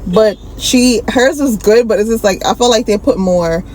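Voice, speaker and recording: A woman's voice: a little high, moderate pace, a little mellow, low-quality recording. A woman vlogger chatting casually and informally, addressing her viewers directly in slangy speech. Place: partly inside a car. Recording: clear background noise, car ambience.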